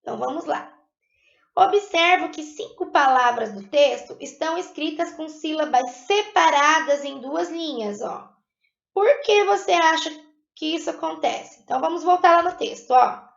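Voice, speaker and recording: A woman teaches a recorded lesson, walking through each point patiently and checking in often. Her voice sits high with a gravelly edge. The sound is echoey and a bit dull, like a plain room on a lo-fi mic. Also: normal speed, fairly bright tone. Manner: patient, explains step by step and keeps checking in with "tá?".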